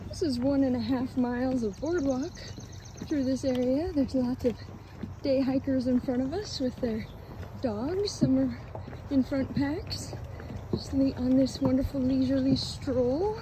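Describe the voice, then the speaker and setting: A middle-aged woman with a high voice narrates a casual family hiking vlog on a handheld camera, speaking a little slowly. She's chatty and upbeat and laughs a lot. It's recorded outdoors on a hiking trail, and the audio is noisy.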